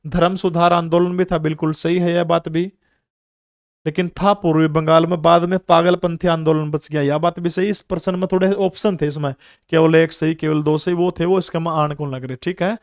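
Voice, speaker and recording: A man's voice: on the high side, steady tone, brisk, no echo, studio quality. A man in his thirties with a Haryanvi accent, teaching an online general-knowledge exam class and quizzing students with rhetorical questions.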